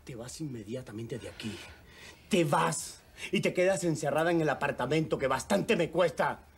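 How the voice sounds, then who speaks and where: A man's voice: on the high side, animated, moderate pace, breathy edge, heavily acted. An actor playing a domineering, irritable well-off man in his thirties in a telenovela, scolding with a Venezuelan accent. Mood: angry, exasperated. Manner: scolding, bossy. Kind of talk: telenovela acting.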